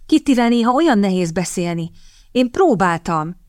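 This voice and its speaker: A woman's voice: medium pitch, sing-song, a little mellow, no room sound, studio quality, natural voice. A woman reading the lines of a tearful, stubborn young lady in a plaintive tone.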